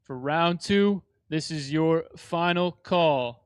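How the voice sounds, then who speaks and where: A man announcing final calls to the racing pits over a PA system, repeating his calls in a drawn-out way. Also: a little high, smooth, no echo, studio quality. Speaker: drag race pit announcer. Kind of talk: event announcements.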